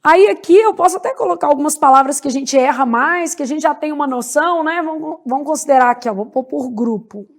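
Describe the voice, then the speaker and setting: A woman teaching a grammar lesson, drawing out each example word slowly and checking in with "né?" and "beleza?". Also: high voice. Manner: slow, spells out words syllable by syllable, frequent "né?" and "beleza?". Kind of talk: grammar lecture.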